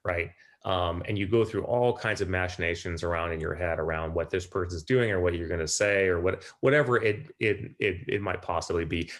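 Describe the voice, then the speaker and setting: A man hosting a podcast, talking eagerly and animatedly, often repeating himself as he builds a point. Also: low voice. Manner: animated, eager, repeats words when excited. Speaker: podcast host. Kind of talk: casual interview chat.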